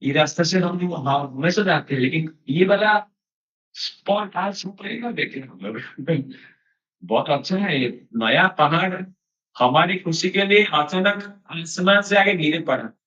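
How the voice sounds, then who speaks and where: His voice a little high, expressive and pushed bright, a male devotional speaker keeps a measured pace. He shares a sermon through stories in a conversational style, weaving in English phrases and laughing occasionally. The audio is dull, distant and echoey.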